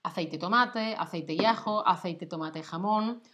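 A woman's voice: lowish voice, normal speed, fairly bright tone. A woman with a Spanish accent from Spain, hosting a casual chat and patiently explaining words like a teacher. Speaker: host. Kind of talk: casual chat with a language lesson.

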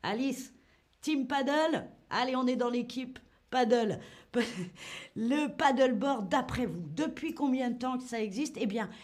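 A woman's voice: sits high, measured pace, a little mellow. A woman from Nice hosting a playful livestream lesson outdoors on the sea, chatting with viewers. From Nice, France. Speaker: livestream host. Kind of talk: live-streamed lesson while paddleboarding.

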